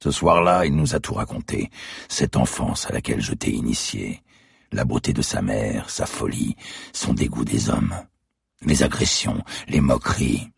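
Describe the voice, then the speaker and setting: A man voicing a gravelly, sneering masked killer. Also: very deep voice, no echo, clean studio sound, heavily acted. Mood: taunting. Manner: sneering, taunting, slow and deliberate. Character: masked young male killer, cold and mocking.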